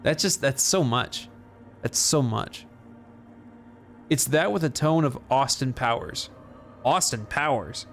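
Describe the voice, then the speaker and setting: A man's voice: mid-range voice, expressive, takes it slowly, gravelly, long pauses, soft background music. A man streaming a game, chatting casually and swearing freely. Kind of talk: casual gameplay commentary.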